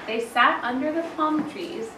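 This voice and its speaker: An elementary school teacher reads a picture book aloud to her class in an indoor classroom with children present, telling it dramatically and expressively and stressing key words. Her voice is high and a little slow. The classroom recording is roomy, distant and noisy.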